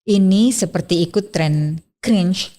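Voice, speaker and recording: A woman, hosting an etiquette channel and calmly giving scripted self-improvement advice straight to the listener. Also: medium pitch, slow pace. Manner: calm, gently instructive, addresses listener directly.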